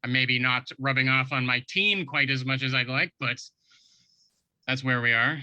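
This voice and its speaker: A man voices a hobgoblin head chef for a tabletop game. The voice is very bright and forward at a middle male pitch, recorded dry. The chef is proud and guarded, measured and matter-of-fact. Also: dry recording, lo-fi sound. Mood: proud, polite.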